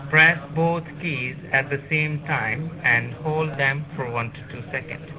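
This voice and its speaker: A man's voice: medium pitch, steady tone, a little slow. A man working as a phone tech support agent in an Indian call center manner, giving formal, insistent step-by-step instructions over a phone call. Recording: phone call with busy room chatter.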